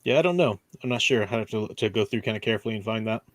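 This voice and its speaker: The man hosting this livestream has a low-leaning voice and talks rapid-fire in a dry recording. He discusses books casually, reading viewer comments and tossing in the rambling asides of a keen fan.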